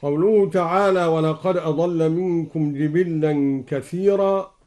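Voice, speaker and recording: Slow, mellow-voiced male scholar. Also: fairly high pitch, fairly even intonation. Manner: slow, deliberate explanation between recited verses. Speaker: Quran radio scholar explaining readings. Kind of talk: measured religious lesson. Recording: live broadcast from a Quran radio station.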